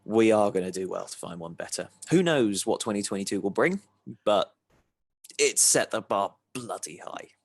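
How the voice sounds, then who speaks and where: A man's voice: lowish voice, lively intonation, normal speed, husky, dry recording. A man, co-hosting a podcast in casual chat, emphatic and enthusiastic. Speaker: podcast co-host.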